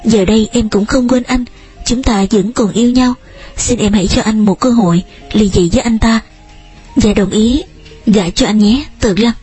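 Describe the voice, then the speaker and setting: Woman reading as an ardent young man, urgent, pleading, breathy voice, slightly high. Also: moderate pace, warm tone, faint music behind. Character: passionate young man pleading with his lost love.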